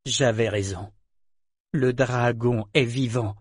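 A man's voice: mid-range voice, fairly even intonation, slow, slightly rough, no echo, studio quality. A man voicing an earnest young man who pleads urgently. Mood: earnest pleading. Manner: urgent, imploring.

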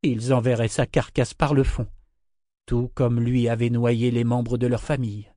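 A man's voice: medium pitch, level tone, mellow, no echo. Man narrating a story, dry sound. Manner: measured, storytelling. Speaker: audiobook narrator. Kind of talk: scripted narration.

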